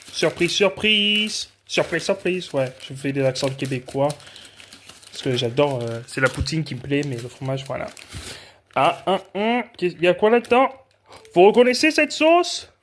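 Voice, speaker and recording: Man from France, casual tasting vlog, slightly high voice, talkative, restarts sentences. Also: slight background noise. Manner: rambling, chatty, frequent self-corrections. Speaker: food vlogger.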